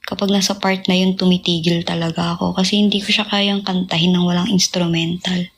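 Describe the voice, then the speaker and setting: A young woman singer chatting casually with fans on a livestream, drifting between talk, sung snippets and soft whispers. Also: fairly low pitch, little pitch movement, brisk, vocal fry, slight background noise.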